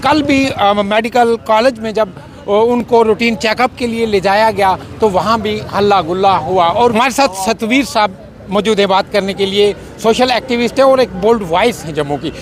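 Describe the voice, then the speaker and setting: High-pitched male interviewer. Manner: measured, with hesitant fillers. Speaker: interviewer host. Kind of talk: news interview. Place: outdoors by a road.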